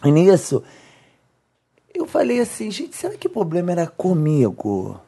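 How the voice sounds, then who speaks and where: Animated woman telling stories. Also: lowish voice, normal speed, vocal fry, breathy edge. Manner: animated, mocking, laughs while telling stories. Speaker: talk show panelist. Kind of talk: casual chat.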